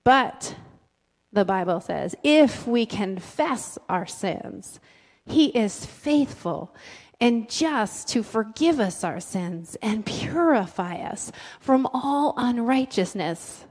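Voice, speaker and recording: Woman pastor, middle-aged, slow deliberate sermon, highish voice, handheld mic, echoing church hall. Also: lively intonation, a little mellow. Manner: conversational, asks the congregation questions. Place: church sanctuary with a stage. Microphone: handheld mic, filmed from the back of the room. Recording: long reverb of a church hall.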